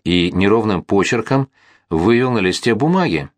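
A man narrating a historical novel as an audiobook, in a measured, steady storytelling manner. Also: fairly low pitch, dry recording.

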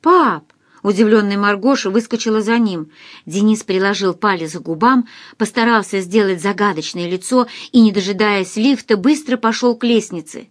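A woman narrating an audiobook in an even, expressive reading. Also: medium pitch, normal speed, dry recording, clean studio sound. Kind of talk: scripted literary narration.

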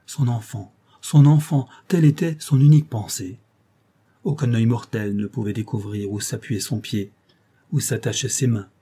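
A man reading a classic tale aloud in a measured, expressive literary manner. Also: mid-range voice, husky. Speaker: audiobook narrator. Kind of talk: scripted narration of a classic tale.

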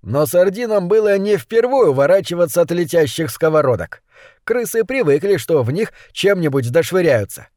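A man narrates a fantasy audiobook in a measured, storytelling manner. His voice sits a little above the usual male pitch. The recording is dry and close, with no room sound. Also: lively intonation, a little mellow, dry recording. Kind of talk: scripted narration.

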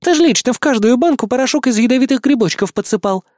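A man voicing a shrewd female fox healer who talks in a brisk, matter-of-fact way in a children's fantasy audiobook. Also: very high-pitched, expressive, darkish tone, no room sound, clean studio sound, voice pushed up.

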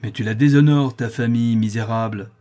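A man's voice: mid-range voice, moderate pace, warm tone, breathy edge, natural voice. Harsh scheming notary, voiced by a man: cold, commanding, angry.

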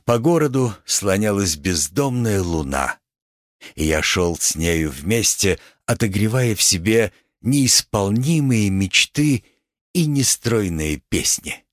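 A man narrating a literary audiobook slowly and expressively, recorded in a studio. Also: on the low side, dry recording. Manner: slow, expressive. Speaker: audiobook reader.

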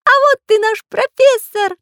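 Lady doing a super high eager little painter dude, bouncy. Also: big pitch swings, normal speed, no room sound, clean studio sound. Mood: excited. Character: excitable boy-like magic painter.

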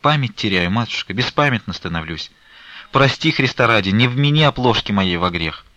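A man reading an audiobook voices a frightened elderly nun who begs forgiveness in a meek, hushed way. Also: lowish voice, animated, normal speed, dry recording, dull audio. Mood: timid pleading. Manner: timid, pleading, hushed.

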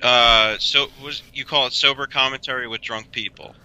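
A man with a very bright, crisp and smooth voice co-hosts a casual podcast. He probes his partner with pointed questions in an easy, conversational way. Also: mid-range voice, fairly even intonation, moderate pace, rough recording. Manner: probing, asks pointed questions. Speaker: podcast co-host.

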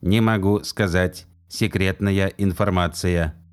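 A man reading an audiobook and voicing a prim, literal male robot nanny in a metallic, measured tone, reciting facts like a manual. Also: sits low, clean tone. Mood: flat, matter-of-fact. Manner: slow, even, reciting like a manual.

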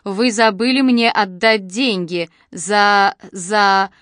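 A woman's voice: a little high, normal speed, no echo, studio quality, close to an everyday voice. A woman voicing a timid, flustered young female tutor who speaks hesitantly. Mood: unsure. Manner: hesitant, quiet.

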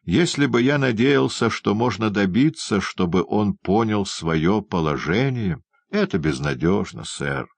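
A man voicing a grave, insistent older gentleman who speaks solemnly and slowly. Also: on the low side, lively intonation, creaky, slightly rough, dry recording, exaggerated voice. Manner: solemn, measured. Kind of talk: audiobook character voice.

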